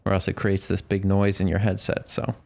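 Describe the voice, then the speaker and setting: A man's voice: sits low, completely flat delivery, brisk, creaky, a little mellow. A man co-hosting a casual podcast, telling stories in a rambling, self-interrupting way. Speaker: podcast co-host.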